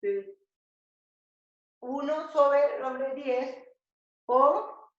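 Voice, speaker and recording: A woman teaching a slow, repetitive math lesson to children, often checking that they follow. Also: sits high, animated. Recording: echoey dull home recording.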